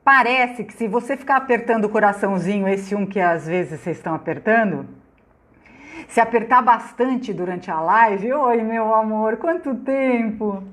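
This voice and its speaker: A middle-aged Brazilian woman hosting a casual live stream from her phone, loud and chatty, greeting viewers by name and laughing often. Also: fairly high pitch, normal speed. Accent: Brazilian Portuguese. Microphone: phone on laptop.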